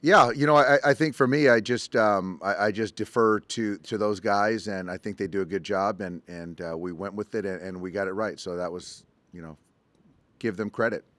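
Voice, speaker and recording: A middle-aged man, a baseball manager, answering postgame press conference questions in a measured, halting way with many ums, at a table mic. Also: fairly low pitch, a bit bright, no echo. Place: press conference room, indoors. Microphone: table mic in front.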